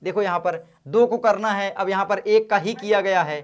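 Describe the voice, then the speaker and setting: A man tutors students through an exam paper in a loose, conversational way, peppering his explanations with quick check-ins. He stays easygoing and encouraging. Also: high voice, lo-fi sound. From northern India. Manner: casual, chatty, addresses students as brothers. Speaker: teacher.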